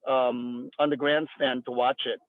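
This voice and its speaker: A man from the Philippines, a jet ski racer in his fifties, chats casually in an interview, speaking a little slowly in a medium-pitched, level voice. His loose talk is full of fillers and restarts, heard over a tinny phone-like line without room sound.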